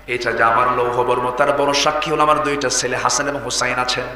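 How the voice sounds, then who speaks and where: Preacher playing a dignified, indignant ruler; earnest, bright, reverberant. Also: male voice, medium pitch, little pitch movement, brisk, slight background noise, pitched below the performer's own voice, close to an everyday voice. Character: dignified male caliph, wronged and indignant.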